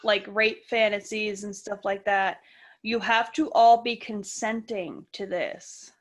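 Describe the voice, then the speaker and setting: Woman around thirty, podcast co-host, casual frank chat, middle pitch. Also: fairly even intonation, slow. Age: 30s. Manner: frank, joking, lots of fillers.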